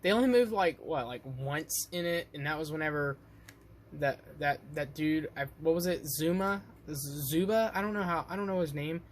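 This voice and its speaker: A man's voice: a little high, normal speed, a little hiss or hum. A man casually reacting to a video, talking loosely with lots of fillers as he rambles through his thoughts.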